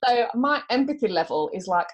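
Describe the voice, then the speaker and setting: A woman in her forties who grew up in South Africa, a business coach chatting as a podcast guest, open and emotional and quick to laugh. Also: on the high side, sing-song, husky. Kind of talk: casual interview chat.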